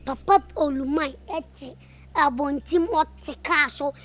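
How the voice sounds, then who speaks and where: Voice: sits high, fairly even intonation, slow, fairly bright tone. A performer with a Ghanaian accent and Twi as native language, playing a gossiping, indignant friend in an improvised comedy skit, with dramatic exclamations. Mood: scandalised. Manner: dramatic, exclaiming, repetitive storytelling.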